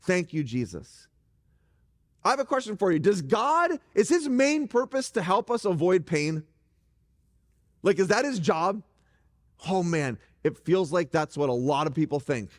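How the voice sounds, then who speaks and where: Animated pastor in a reverberant hall. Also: male voice, high voice, a little slow, pauses often. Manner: animated, joking asides to the congregation. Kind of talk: conversational sermon. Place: church stage.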